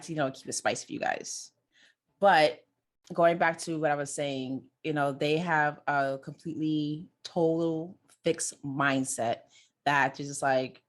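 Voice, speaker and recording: Low-voiced chatty woman podcaster. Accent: New York, with Caribbean touches. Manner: chatty, repeats words, talks to listeners directly. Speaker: podcast host. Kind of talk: casual solo podcast talk. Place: indoors near a busy city street.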